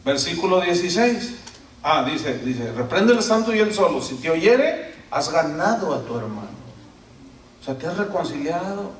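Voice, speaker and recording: Brief: middle-aged pastor, high voice, sermon acting out members, echoey hall, mic set back. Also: male voice, moderate pace, distant mic, a little hiss or hum. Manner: animated, acts out quoted church members in changing voices. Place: church hall.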